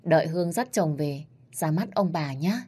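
A woman's voice: on the low side, expressive, a little fast, a little mellow. A woman voicing a cheeky young woman of twenty-two, playful and wheedling with her grandmother.

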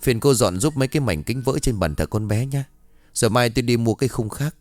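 A man voicing a worried middle-aged father who talks in a low, brusque, gruff way. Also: brisk, darkish tone, dry recording, soft background music, lightly acted.

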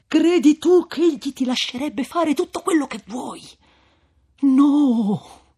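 A man voicing a stern, fervent old friar in an audiobook reading of a classic novel, thundering rebukes and dropping to grave, hushed pleas. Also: a little high, slow pace, breathy edge, heavily acted. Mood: grave earnest.

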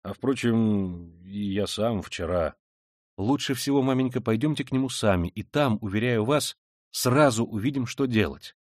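A man voicing an earnest, steady young man who answers calmly and thoughtfully. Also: lowish voice, normal speed, dry recording, clean studio sound, close to an everyday voice. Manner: calm, thoughtful.

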